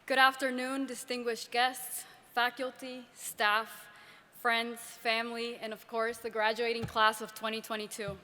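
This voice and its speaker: Bright high-voiced young woman in a hall. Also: level tone, a little slow. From Ecuador. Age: 20s. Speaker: graduate student speaker. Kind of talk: commencement speech. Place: large ceremony venue. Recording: reverberant hall.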